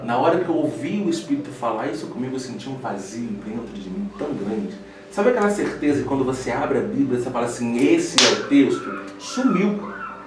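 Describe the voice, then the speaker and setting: A young preacher tells his story with feeling and laughs at his own past, recorded from a distance. His voice rings around a very echoey room. Soft music plays behind him. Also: medium pitch. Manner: storytelling, emotional, laughing at himself. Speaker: preacher guest. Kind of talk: casual chat.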